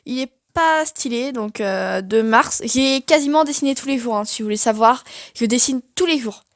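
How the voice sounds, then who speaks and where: A woman's voice: on the high side, moderate pace, no echo, studio quality. A young woman giving a casual, chatty tour of her sketchbook, self-mocking and full of fillers. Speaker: art vlogger.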